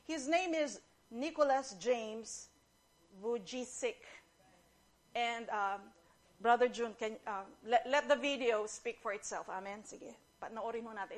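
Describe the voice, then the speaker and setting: A woman with a Filipino accent leading a church service, speaking in a reflective, earnest way. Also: on the high side. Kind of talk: church talk, mixing English and Tagalog.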